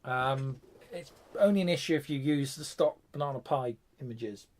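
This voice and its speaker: A British man talks through a live tech stream in loose, rambling chat, his pitch sitting in the middle of the usual range for a man. He keeps breaking off with fillers, restarts his sentences and wanders between asides. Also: moderate pace, a little mellow. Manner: chatty, rambling, self-interrupting with fillers.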